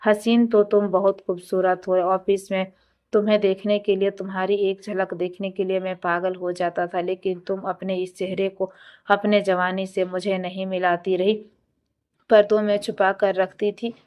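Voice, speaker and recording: A woman's voice: mid-range voice, level tone, moderate pace, lo-fi sound, natural voice. A woman reading the lines of a cruel, possessive young man in a story narration, with a cold, taunting delivery. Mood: menacing.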